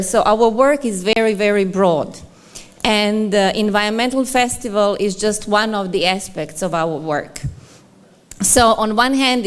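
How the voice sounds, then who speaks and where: A woman's voice: medium pitch, clean tone. A woman from Croatia, a festival director giving a chatty, friendly conference presentation with light laughter. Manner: chatty and friendly, laughs often, repeats words for emphasis.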